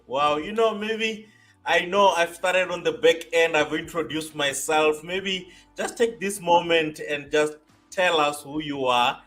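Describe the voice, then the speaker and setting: A man hosts a loose, rambling chat over a video call, his voice a little raised in pitch. Faint music sits under his talk. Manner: rambling, repeats "you know", warm interjections. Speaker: host. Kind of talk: casual interview chat.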